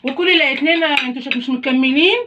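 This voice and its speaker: A young Egyptian woman chats at a very rapid clip in a fairly high voice. She teases playfully and repeats herself for emphasis. The recording is muffled, with faint background noise. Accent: Egyptian Arabic. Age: young adult. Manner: teasing, repeats phrases for emphasis. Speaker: couple vlogger. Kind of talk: casual playful banter with husband.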